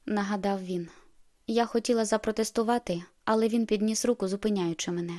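A woman reading a novel aloud as first-person narrator, expressive and lively in the heroine's outbursts. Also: mid-range voice, brisk. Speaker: audiobook narrator.

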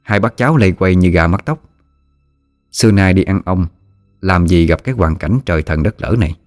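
Deep-voiced storyteller. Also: male voice, normal speed, no echo, studio quality. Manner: steady storytelling. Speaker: narrator. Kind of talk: ghost story narration. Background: soft music.

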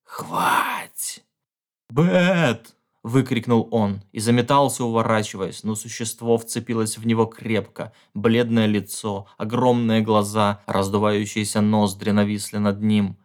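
Male audiobook reader, tense horror narration, measured pace, hushed pauses. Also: lowish voice.

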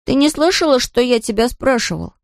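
A proud, easily offended young fox cub in a storybook, speaking a little above the reader's normal voice with a gruff, grumbling edge, as a woman plays him. The sound is dry and close. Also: on the high side, expressive, fairly quick, dry recording, pitched above the performer's own voice. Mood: puzzled.

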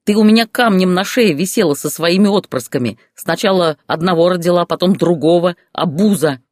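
A man voicing a furious, jealous ex-husband in an audiobook story, shouting in a rage. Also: fairly high pitch, expressive, moderate pace, no echo, studio quality, voice pushed up. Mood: screaming. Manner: shouting, raging rant.

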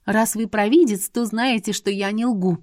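A woman's voice: medium pitch, moderate pace, darkish tone, no echo, clean studio sound, natural voice. Stubborn young heroine, as a woman reads her. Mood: insistent. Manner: insistent, exclaiming.

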